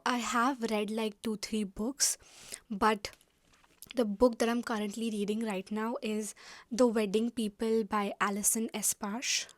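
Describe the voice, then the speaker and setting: A woman's voice: medium pitch, no room sound. A young woman from India vlogging casually to camera from her room, chatty and full of fillers. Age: young adult.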